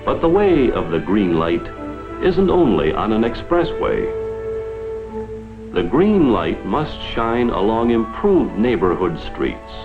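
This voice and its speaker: An American man with a lowish voice narrates a scripted 1950s promotional film in a heavily acted, earnest, oratorical and dramatic style. The sound is a muffled vintage 1950s film soundtrack.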